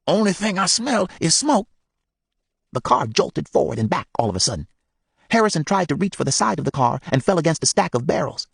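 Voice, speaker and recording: Male audiobook reader, gravelly, husky, dry close sound. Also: medium pitch, no room sound. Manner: measured, expressive reading. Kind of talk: storybook narration.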